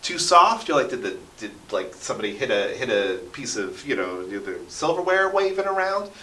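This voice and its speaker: Speaking with mid-range pitch at a normal speed, this animated man has a bright voice and explains his points while tagging them with "right?". He's a radio drama writer and sound effects performer giving a casual interview in a radio station studio, recorded on a distant mic with roomy echo and a little hiss or hum.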